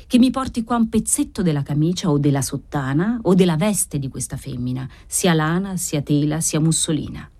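A woman's voice: lowish voice, mellow. A woman reader voicing a solemn old Neapolitan woman sorceress who speaks in grave, incantatory tones. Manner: solemn, incantatory, preaching faith in God.

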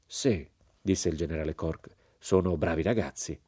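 A man's voice: deep voice, normal speed, dark tone, breathy edge, dry recording, studio quality. A man reading the part of a flustered American army general who stammers and hesitates.

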